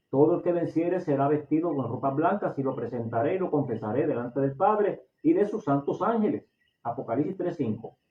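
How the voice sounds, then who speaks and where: Male preacher, Puerto Rican accent, slightly high voice, passionate sermon delivery, echoey room. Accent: Puerto Rican Spanish. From Puerto Rico. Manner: impassioned, repeats and restarts phrases. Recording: echoey, distant, phone-like audio.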